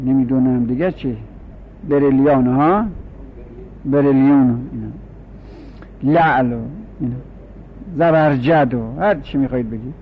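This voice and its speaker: A man teaching a grammar class, explaining slowly and repeating each form for his students. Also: mid-range voice. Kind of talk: classroom lecture. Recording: dull lo-fi recording with faint hum.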